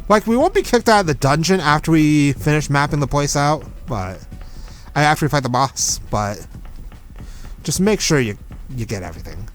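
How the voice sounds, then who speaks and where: A man's voice: on the high side, animated, moderate pace, faint music behind. A young man casually commenting on a game he is playing, chatty and giving strategy tips. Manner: chatty, gives strategy tips, self-correcting. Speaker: let's play host.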